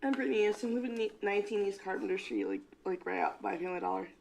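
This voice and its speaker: A woman's voice: mid-range voice, expressive, very fast, vocal fry, rough recording. A woman speaking at a city council meeting as a resident making a public comment. She talks in a hesitant, apologetic way and trails off.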